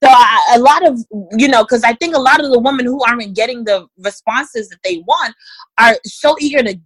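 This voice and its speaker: Woman giving career advice, kinda high voice, direct and emphatic, dry close sound. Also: fairly quick, husky, no echo, poor audio. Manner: direct, emphatic, addresses listeners as guys and ladies.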